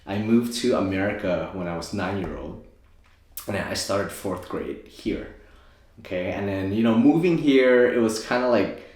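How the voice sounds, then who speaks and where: A man's voice: fairly low pitch, normal speed, a little mellow. A young man from Thailand, a native Thai speaker, telling his story as an interview guest in a loose, rambling way full of fillers. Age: 20s. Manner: rambling, filler-heavy, self-correcting. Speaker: guest, optometrist and DJ. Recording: very echoey room.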